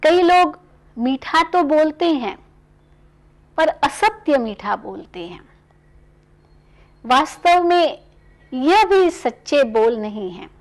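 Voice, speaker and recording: A woman giving a spiritual talk on values, gentle, measured and instructive. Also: high voice. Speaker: spiritual speaker.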